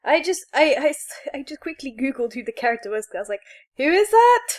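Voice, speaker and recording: A podcast co-host rambles happily about geeky things in a casual chat, giggling and bursting with enthusiasm. Her high-pitched, darkish voice swings widely in pitch, and she talks fast.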